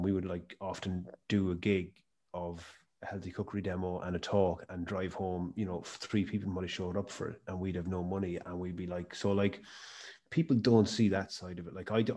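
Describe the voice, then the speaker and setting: Deep-voiced man with west of Ireland accent. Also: warm tone. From County Mayo, west of Ireland. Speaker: podcast guest, health and performance speaker. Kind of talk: conversational interview storytelling.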